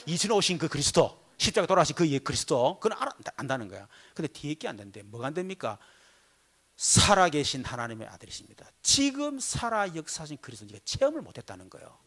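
A male pastor preaching a sermon, telling a personal story with loud outbursts and dropped low asides. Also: very animated, quick pace, slightly rough. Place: church sanctuary.

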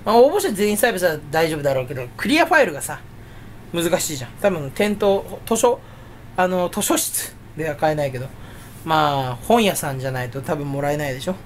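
A man's voice: a little high, expressive, fast, slight background noise. A man chatting alone to camera as a YouTuber, rambling and self-mocking as he jumps between topics. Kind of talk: casual solo chat.

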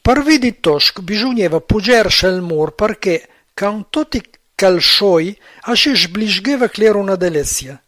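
A man's voice: high-pitched, lively intonation, unhurried, hardly any pauses, fairly bright tone, no echo, clean studio sound. A man with an Emilian accent telling an everyday story in dialect. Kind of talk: spoken dialect monologue.

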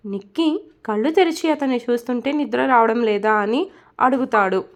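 Lady reading a love story out loud, kinda high voice, steady and expressive. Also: moderate pace. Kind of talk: scripted story narration.

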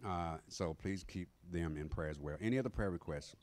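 A man's voice: sits low, fairly quick, a little mellow. A middle-aged man teaching a Bible class in a church sanctuary, emphatic and asking the class questions as he goes. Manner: emphatic, call-and-response questions. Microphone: standing in front of a mic stand.

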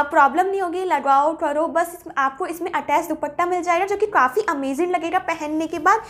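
A young woman vlogger casually reviewing clothes, chatty and upbeat, mixing English words into her Hindi. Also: extremely high pitch. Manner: chatty, mixes English words into Hindi, enthusiastic about prices. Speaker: fashion haul vlogger.

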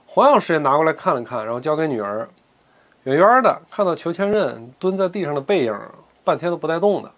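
A man narrating a martial-arts story in a lively, colloquial, joking way. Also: on the high side, quick pace, muffled recording.

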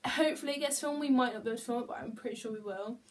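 A young woman with a fairly high voice talks rapid-fire to her phone camera from home as a beauty vlogger. Her chat wanders all over the place, full of self-mocking jokes.

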